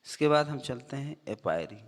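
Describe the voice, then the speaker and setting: A man teaching English vocabulary, reading definitions slowly word by word and then explaining them in Hindi. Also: medium pitch, animated, in a large hall. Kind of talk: vocabulary lesson.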